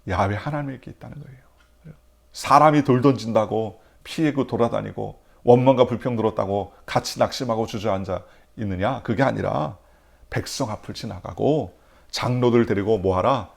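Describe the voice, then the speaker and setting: A man preaching an early-morning sermon in a church, asking the congregation questions and answering them himself, swinging between loud emphatic lines and near-whispers. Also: lowish voice, normal speed, vocal fry. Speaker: pastor.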